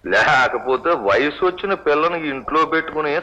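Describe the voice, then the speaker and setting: A man's voice: a little high, expressive, brisk, pushed and bright, poor audio. A glib, mocking father. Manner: mocking, wisecracking. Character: scheming middle-aged father, mocking and glib. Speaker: girl's father. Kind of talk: 1970s Telugu film comedy acting.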